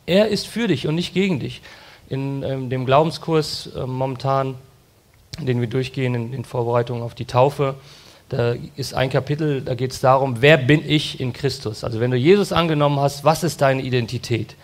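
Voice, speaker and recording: A man's voice: medium pitch, fairly even intonation, normal speed. A man preaching a sermon, talking earnestly and directly to his listeners, now and then acting out quoted phrases. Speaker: pastor.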